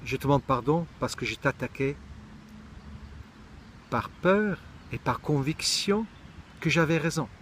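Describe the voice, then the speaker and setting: A man's voice: fairly high pitch, lively intonation, a little slow, long pauses, fairly bright tone, a little hiss or hum. Thoughtful middle-aged man, from Israel. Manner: thoughtful, searching for words, frequent restarts. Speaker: speaker sharing personal reflections. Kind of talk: reflective monologue.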